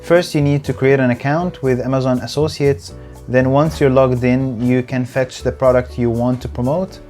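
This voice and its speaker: A man with a steady, medium-pitched and slightly mellow voice speaks at a moderate pace over faint background music. English is a later language for him, and he hosts his own channel with an earnest, scripted tutorial, somewhat stiff on camera.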